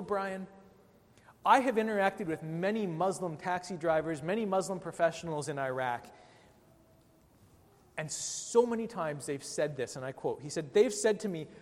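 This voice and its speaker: A man's voice: high voice, expressive, moderate pace. A man, a pastor, delivering a sermon with an emphatic, rising and falling delivery. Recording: long hall reverb.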